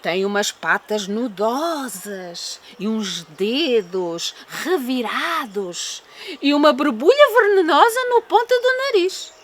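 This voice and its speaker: Woman as small cunning storybook mouse, European Portuguese accent, bright voice, boastful, teasing, very animated. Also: on the high side, slow, a little hiss or hum. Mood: cheeky, boastful. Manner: polite, teasing, dramatic. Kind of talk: storybook character voice.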